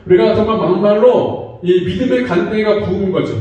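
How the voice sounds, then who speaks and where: A man's voice: sits high, normal speed, dark tone, muffled recording. A man preaching a sermon as pastor, talking conversationally and acting out voices in quotes. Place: church sanctuary. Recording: very echoey church hall, from far off.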